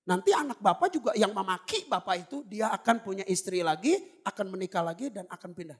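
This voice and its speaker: A man pastor preaching a sermon, telling a story and acting out both sides of the conversation, rising to near shouts at the climaxes. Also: sits high, expressive, brisk, husky. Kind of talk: sermon with acted-out anecdote. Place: church.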